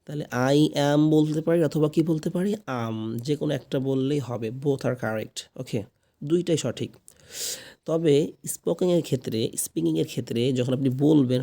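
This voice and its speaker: Gravelly man teaching English slowly. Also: medium pitch, dark tone. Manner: patient, repeats phrases slowly for learners. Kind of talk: spoken English lesson in Bengali.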